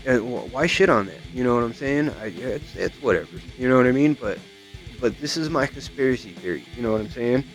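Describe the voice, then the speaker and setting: A man's voice: mid-range voice, expressive, fairly quick. A man giving a casual, profane, rambling rant as a guitar vlogger, often tagging his sentences with "you know what I mean".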